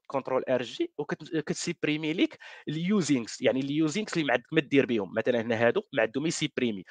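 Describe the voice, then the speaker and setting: A man's voice: on the high side, no echo. A man with a Moroccan Darija accent walking viewers through a coding demo, often mixing in French words and restarting his sentences. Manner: mixes French words, many restarts and fillers. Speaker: workshop presenter. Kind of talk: live coding walkthrough.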